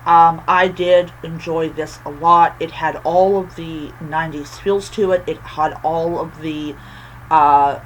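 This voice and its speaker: A book reviewer talks casually, lisping with a whistling s caused by missing teeth, and he often halts and repeats phrases. His voice is medium-pitched. The poor-quality audio carries a slight hiss or hum.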